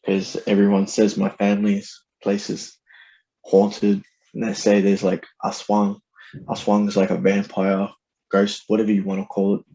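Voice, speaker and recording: A male rapper chatting casually as a podcast guest. His voice is lowish, soft-edged and mellow, with very little rise and fall, and his manner is relaxed and slangy. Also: moderate pace, muffled recording. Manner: laid-back, slangy, loosely phrased. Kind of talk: casual chat.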